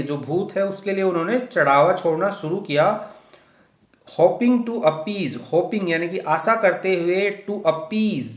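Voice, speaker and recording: A man with a fairly high voice reads a story aloud for learners, one phrase at a time, and explains every word before moving on. He speaks slowly and repeats each phrase. The room around him is echoey. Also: dull audio. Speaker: English teacher. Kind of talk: line-by-line story translation lesson.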